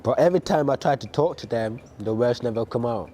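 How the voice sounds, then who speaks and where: A young man performing spoken word poetry in a quiet, introspective recitation. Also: medium pitch, animated, brisk, slight background noise. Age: young adult.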